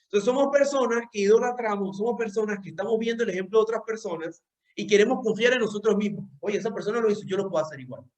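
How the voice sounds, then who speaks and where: A man's voice: high-pitched, fast talker, a little mellow. A young man preaching a sermon, earnest and direct, often repeating words as he searches for the phrasing. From Venezuela. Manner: speaks directly to listeners as "usted".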